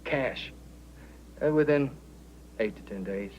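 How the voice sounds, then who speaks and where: An actor playing a smooth-talking male recruiter for a baby racket in a 1980s TV drama, speaking in a slow, persuasive manner. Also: medium pitch, highs cut off, a little hiss or hum, natural voice. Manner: persuasive, oily, drawn-out.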